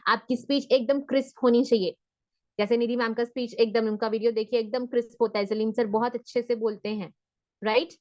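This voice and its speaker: Encouraging female speaking coach, higher voice. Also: fairly even intonation, fairly quick, muffled recording. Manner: mixes Hindi and English, encouraging. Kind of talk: online class session.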